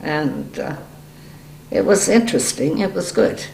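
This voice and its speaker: A woman's voice: lowish voice, expressive, unhurried, creaky, darkish tone. An elderly woman recalling her youth in a plain, matter-of-fact way during an oral history interview. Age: 70s or older. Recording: echoey room with faint noise.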